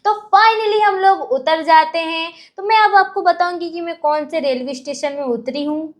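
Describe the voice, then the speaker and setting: A young woman narrating her travel vlog as a lively, chatty voice-over. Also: very high voice, normal speed. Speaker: vlogger.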